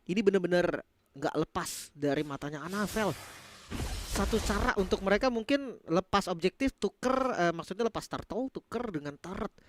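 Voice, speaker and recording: An Indonesian-accented man giving live commentary as an esports shoutcaster. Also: high-pitched, animated, normal speed, slight background noise.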